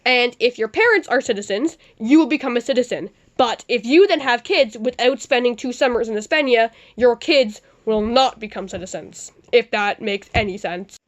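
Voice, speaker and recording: A woman playing a sarcastic male news anchor, reading her reports in a deadpan tone with dry asides. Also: on the high side, moderate pace, hardly any pauses, close to an everyday voice. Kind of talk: amateur mock newscast.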